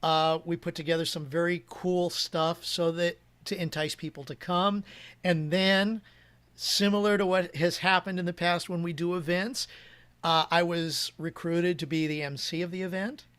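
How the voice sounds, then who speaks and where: Guy being interviewed on a podcast, kinda high voice, earnest, rambles and restarts a lot. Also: steady tone, moderate pace, fairly bright tone, smooth. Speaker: podcast guest. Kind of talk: casual interview chat.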